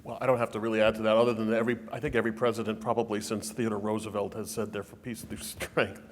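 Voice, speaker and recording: A man speaking as a panelist, answering an audience question in a conversational, halting way. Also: lowish voice, little pitch movement. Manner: conversational, with frequent restarts. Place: lecture hall. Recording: long hall reverb.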